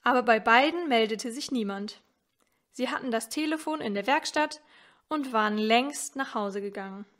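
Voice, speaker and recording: A woman reading a story aloud in a measured, expressive way. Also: on the high side. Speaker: story reader at a church advent event.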